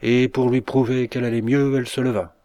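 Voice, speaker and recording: A man narrating a literary audiobook in a measured, expressive way. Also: medium pitch, dry recording. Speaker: audiobook reader.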